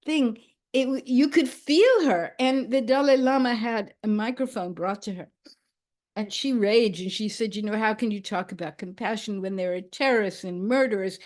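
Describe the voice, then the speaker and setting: An older woman storyteller speaking slowly and reflectively, with frequent pauses and soft fillers. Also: on the high side. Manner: slow, thoughtful, with many pauses and fillers.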